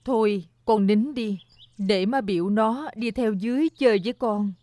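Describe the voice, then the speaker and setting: A gentle, motherly wealthy lady, played by a woman, with a mid-pitched voice in an audiobook drama. She speaks kindly and soothingly. The sound is close and dry. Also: moderate pace, dry recording, close to an everyday voice. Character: kind, wealthy middle-aged lady, motherly.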